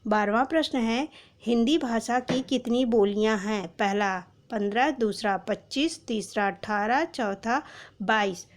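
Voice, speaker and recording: A woman's voice: a little high, a little slow. A woman teacher giving an exam prep lesson, reading out quiz questions, numbering each option and then announcing the correct answer.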